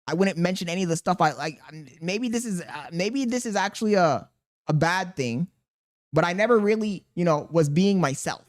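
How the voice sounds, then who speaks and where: This thin-voiced man hosts a reaction video, talking casually to his chat in a blunt, mocking, profane style. His voice is high and animated, and he speaks at a normal speed.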